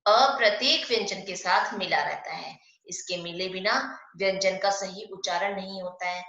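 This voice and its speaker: Woman teacher doing online hindi class, bright voice, asks then answers herself, echoey lo-fi sound. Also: medium pitch. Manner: explains step by step, asks questions and answers them herself; slows down and stresses sounds when saying example words. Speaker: primary school Hindi teacher. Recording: echoey, dull lo-fi room sound.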